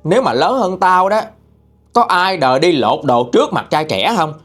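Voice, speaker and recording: A man voicing a stern, sharp-tongued old woman exorcist in a ghost story, with a Southern Vietnamese accent and a scolding, mocking manner. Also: a little high, very animated, moderate pace, faint music behind, pitched above the performer's own voice.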